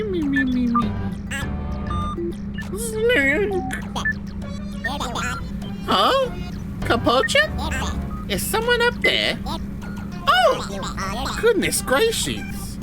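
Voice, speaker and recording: Grandiose male god voiced by a woman, fussy and theatrical, swooping wildly up and down, unhurried, game music behind. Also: high-pitched, heavily acted. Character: pompous, excitable male god of leadership. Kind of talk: reading game dialogue aloud on stream.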